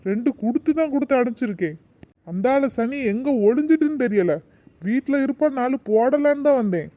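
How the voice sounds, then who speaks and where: A woman voicing a sharp-tongued village woman in a cartoon, speaking. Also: sits high, expressive, a little fast, dry recording, highs cut off. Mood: angry. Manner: scolding, blunt. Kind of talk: cartoon voice acting.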